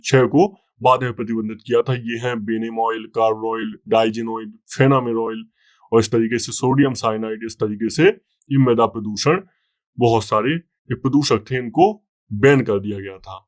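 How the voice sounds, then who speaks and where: A male teacher giving an exam-prep lecture, explaining step by step and often repeating key points and checking in with students. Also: mid-range voice.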